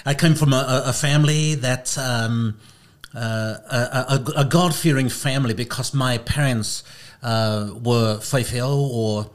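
New man, halting and measured. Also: mid-range voice, fairly even intonation. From Mangere, South Auckland, of Niuean descent. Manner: halting, measured, repeats words. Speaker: podcast guest, preacher. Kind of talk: interview answers.

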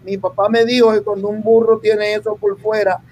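A man's voice: high-pitched, moderate pace, slight background noise, poor audio. A man telling jokes on a podcast, acting out the voices of the people in his stories. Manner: animated storyteller acting out quotes. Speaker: comedian.

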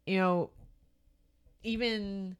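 An American woman co-hosting a podcast, chatting casually with lots of fillers and sudden lively jumps in pitch. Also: extremely slow, smooth. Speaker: podcast co-host. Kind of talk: casual chat.

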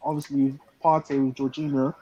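A man's voice: medium pitch, flat delivery, normal speed, mellow, slight background noise. A man giving his view as a fan in a casual panel chat, on a dull lo-fi recording. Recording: dull, dry lo-fi sound.

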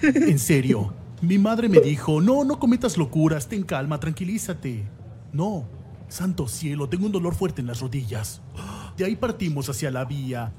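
A man's voice: on the high side, expressive, moderate pace, dark tone, a little hiss or hum, natural voice. A man dubbing a street storyteller in an overly formal, stilted manner.

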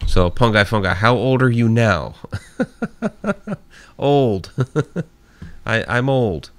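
A man's voice: fairly low pitch, drawn-out words, no room sound. A man in his forties hosting a live radio show, casually thanking listeners by name and chatting easily. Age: 40s. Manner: reads out listener names with thanks, easygoing and chatty.

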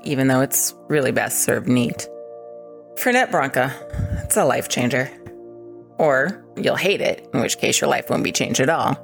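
An American woman presenting a scripted comic segment in a dry, wry way. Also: sits low. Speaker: podcast contributor.

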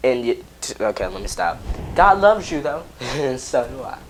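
A man's voice: medium pitch, big pitch swings, moderate pace, a little hiss or hum. A man who is a pastor, preaching casually to camera in a rambling way, interrupting himself and laughing at his own remarks.

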